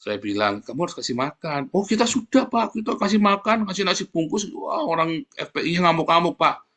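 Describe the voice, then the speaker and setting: A middle-aged male pastor preaching a casual, animated sermon and acting out the voices in his stories. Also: a little high, a little fast. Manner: casual, animated, acts out dialogue. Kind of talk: conversational sermon.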